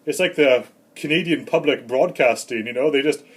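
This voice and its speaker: A man playing a grumbling husky old Santa. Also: mid-range voice, normal speed, lightly acted. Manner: rambling, grumbling, deadpan self-important asides. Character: rambling grumpy old Santa Claus, male. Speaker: comedy vlogger. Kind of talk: comedic vlog monologue.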